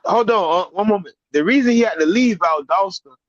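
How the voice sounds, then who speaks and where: Animated man, slightly high, profane casual storytelling, dry dull online-chat audio. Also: brisk, no room sound.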